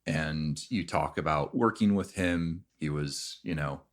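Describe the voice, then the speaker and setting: Very deep-voiced man running a game. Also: measured pace. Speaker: game master. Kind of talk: casual tabletop game narration.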